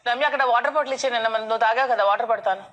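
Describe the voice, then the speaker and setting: A woman's voice: a little high, very fast, a bit bright. A woman on a reality show, scolding and explaining her side in an argument. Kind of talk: heated household argument.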